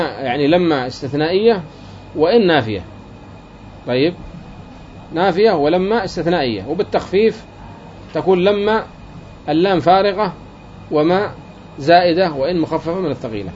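A man giving a classroom lecture, his voice set a little higher than most men's. He explains step by step, repeats his key phrases and throws questions at the class. The recording sounds dull and lo-fi, with a faint hum behind it. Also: darkish tone. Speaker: teacher of Arabic grammar.

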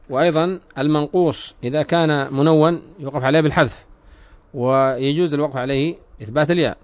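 A man's voice: on the high side, dry recording. A man teaching Arabic grammar in a class, reading a text aloud and then explaining it, asking his students questions and often repeating himself. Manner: repeats himself and restarts phrases. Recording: dull, lo-fi recording.

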